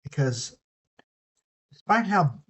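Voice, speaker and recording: A man's voice: on the high side, sing-song, takes it slowly, breathy edge, dull audio. A man with a Southern US accent chatting casually and swearing freely while he builds an electronics kit on a live stream.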